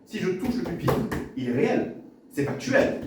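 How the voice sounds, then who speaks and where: A man delivers a sermon with a lively, swinging pitch and a voice a touch higher than usual. He repeats himself for effect and stammers at times. He is heard from a distance in a strongly echoing hall with faint noise behind him. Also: moderate pace. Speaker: pastor.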